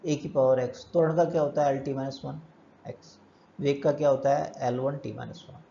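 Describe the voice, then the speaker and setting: A man's voice: mid-range voice, steady tone, moderate pace, gravelly, mellow, dull audio, a little hiss or hum. A male physics teacher giving a step-by-step lecture, asking and answering his own questions as he works through problems. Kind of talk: classroom lecture.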